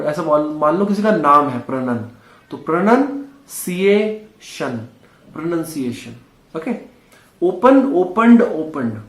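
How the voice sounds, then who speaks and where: A man's voice: on the high side, reverberant. A man teaching a spoken English lesson, patiently repeating drills and calling his viewers friends.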